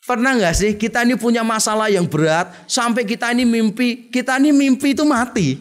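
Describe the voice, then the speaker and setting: High-voiced joking preacher man. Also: brisk. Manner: humorous, addresses listeners as "saudara", acts out quoted voices. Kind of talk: sermon.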